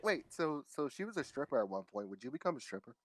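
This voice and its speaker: A man's voice: mid-range voice, sing-song, fast talker, fairly bright tone, no echo. A young man, a guest on a casual podcast, joking and teasing the host.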